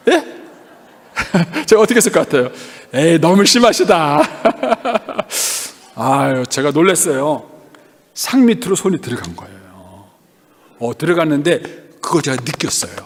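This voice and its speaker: A man's voice: on the high side, creaky, breathy edge. A middle-aged man preaching a sermon as a pastor, telling a personal story and asking the congregation questions. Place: church sanctuary. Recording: long hall reverb.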